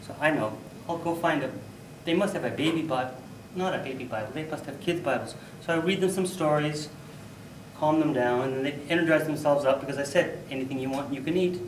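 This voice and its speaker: Male contest speaker telling a funny story, lively delivery, recorded far off in a roomy hall. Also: fairly high pitch, brisk, noisy background. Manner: animated, loud bursts for sound effects. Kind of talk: humorous storytelling speech. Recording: echoey hall, mic from far off.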